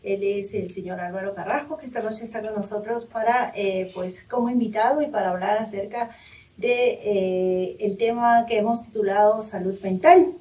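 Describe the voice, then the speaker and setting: A woman hosting a live radio interview from a studio, speaking hesitantly with many drawn-out fillers. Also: mid-range voice, fairly even intonation, mellow. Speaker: radio host. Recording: dull, distant radio recording.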